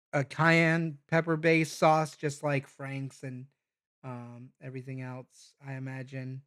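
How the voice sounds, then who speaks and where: A man's voice: medium pitch, a bit bright. A man casually thinking aloud as he reviews hot sauces, rambling with lots of fillers and restarts. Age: adult parent.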